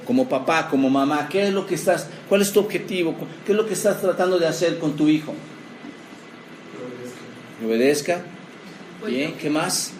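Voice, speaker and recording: A man's voice: a little high, a little mellow, slight background noise. A man preaching a sermon as pastor, calling the congregation brothers and putting questions to them. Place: church hall. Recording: echoey church hall.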